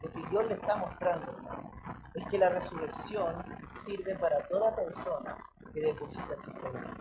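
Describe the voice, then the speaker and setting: A woman's voice: fairly low pitch, noisy background. Chilean woman preaching emphatically. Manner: emphatic, asks many rhetorical questions, keeps addressing listeners as brother. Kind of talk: sermon.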